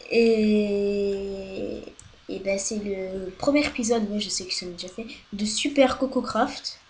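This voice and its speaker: A woman talks her way through a home game session into a headset mic, loose and rambling, letting swear words slip and then apologizing. Her voice sits at a middling pitch with faint noise in the background. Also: fairly even intonation, slow pace, a little mellow. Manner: chatty and rambling, swears often, apologizes a lot. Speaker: gaming video host. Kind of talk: casual let's-play commentary. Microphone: headset microphone.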